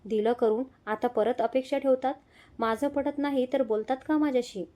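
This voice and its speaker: A woman's voice: sits high, fairly even intonation, normal speed, mellow, close to an everyday voice. A woman voicing a short-tempered young husband who talks in snappish, irritable bursts in a read-aloud story. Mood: angry. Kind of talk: audio story reading.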